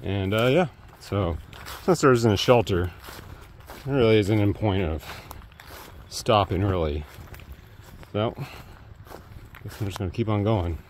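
With a lowish voice and an unhurried pace, a thirty-something hiker vlogs casually through the woods, pausing often. His rambling drifts off into fillers, captured by an earbud mic with the phone out at arm's length, and slight hiss or hum is audible.

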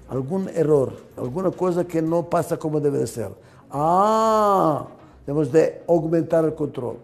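An older male lecturer with a mellow, somewhat high voice, speaking emphatically and repeating key words, posing rhetorical questions to his listeners. His grammar slips slightly like a non-native speaker's. Faint music plays underneath. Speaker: management lecturer.

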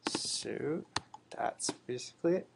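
Gravelly-voiced man presenting casually. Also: medium pitch, slow, background noise. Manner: relaxed, lots of uh fillers. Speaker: meetup presenter. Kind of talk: casual tech demo talk. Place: meeting room.

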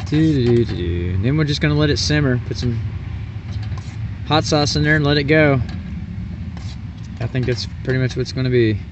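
A man's voice: medium pitch, fairly quick, pauses often. A man casually rambling through a cooking demonstration at a camp stove outdoors at night. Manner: rambling, folksy, chatty. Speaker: cooking vlogger. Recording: distant, dull camera audio with outdoor noise.

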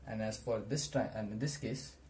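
A young man teaching maths at a whiteboard in a small room, explaining deliberately in short steps. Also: on the low side, darkish tone. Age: teens to young adult. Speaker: maths tutor. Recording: noisy small-room camera recording.

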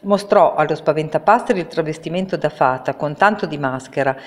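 A woman reading a children's storybook aloud in a calm, measured way. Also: deep voice. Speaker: reader. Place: public library. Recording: reverberant room.

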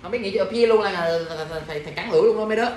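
A young man teaches English vocabulary to a class, drilling words and firing questions at students. His voice sits high and he sounds worn out by their mistakes. The recording picks him up from across an echoey classroom, with a faint hum of room noise behind him. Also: very fast, recorded from a distance. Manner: drills pronunciation, quizzes students, exasperated asides.

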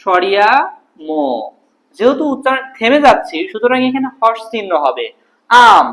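Lively teacher quizzing students. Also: mid-range voice, normal speed, low-quality recording. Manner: explains step by step, asks and answers own questions. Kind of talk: classroom grammar lesson.

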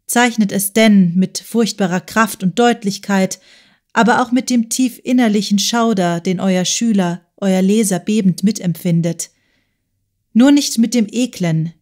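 A woman's voice: medium pitch, normal speed, a little mellow, natural voice. A woman reading a stern, principled woman. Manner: firm, earnest, reproachful. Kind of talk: audiobook character voice.

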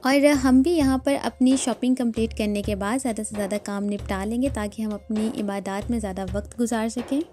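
Vlogger woman, calm explanatory voice-over, warm tone, light background music. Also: on the high side, brisk, hardly any pauses. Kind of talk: shopping vlog voice-over.

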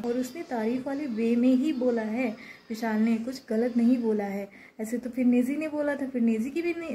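A female vlogger from Uttar Pradesh, India, gives her opinion casually, emphatically and indignantly, repeating her points. Her voice is on the high side and mellow, though the recording is rough.

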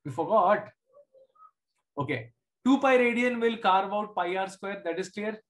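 A man's voice: sits high, lively intonation, measured pace, fairly bright tone. Casting: male maths teacher, middle-aged, Indian accent, informal live online class, frequent short check-in questions. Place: indoors at a desk, screen-share video class.

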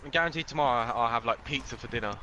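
A man chatting during a game, firing off quick teasing callouts. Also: mid-range voice, sharp tone, lo-fi sound, a little hiss or hum. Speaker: gaming friend. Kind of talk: casual gameplay chat.

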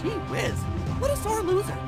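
A man's voice: very high voice, normal speed, loud music behind the voice. A man voicing a dim, cheerful young jungle man in a cartoon video game, naive and friendly. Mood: clueless. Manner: goofy, naive, refers to himself by name.

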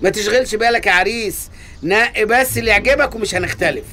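Fast-talking Egyptian shopkeeper. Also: male voice, high voice, sharp tone, faint music behind. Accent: Egyptian Arabic. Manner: fast, teasing, wheedling. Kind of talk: comic radio drama.

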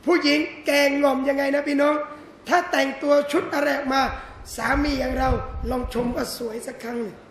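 A man giving a lively, joking Islamic lecture to an audience in a hall. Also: extremely high pitch, fairly quick, a little hiss or hum. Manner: animated, joking, addresses audience as brothers and sisters. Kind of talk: lively religious lecture on marriage. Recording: echoey hall with faint ambience.

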